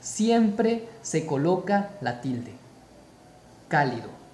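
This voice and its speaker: A man teaching a spoken grammar lesson, slow and deliberate, repeating key terms for emphasis. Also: on the high side, big pitch swings, a little mellow, roomy sound, slight background noise.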